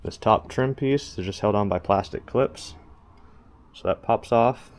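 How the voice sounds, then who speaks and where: Speaking at a measured pace in a fairly low voice, a man hosts a DIY install video around his pickup truck. It's a down-to-earth, practical walkthrough given one step at a time, recorded with steady background noise.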